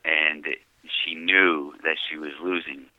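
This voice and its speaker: A man's voice: very deep voice, fairly even intonation, slow, dry recording. A man calling on a prison phone line, telling his story in a reflective way and often asking if he's understood. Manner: reflective storytelling, often asks "you know what I mean?". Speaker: incarcerated caller. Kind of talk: casual chat.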